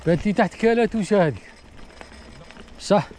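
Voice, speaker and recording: A man with a western Algerian accent chatting casually and excitedly repeating short phrases for an outdoor vlog, with wind noise on the mic. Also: high voice, a little fast. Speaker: vlogger on a bicycle trip. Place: outdoors in open countryside.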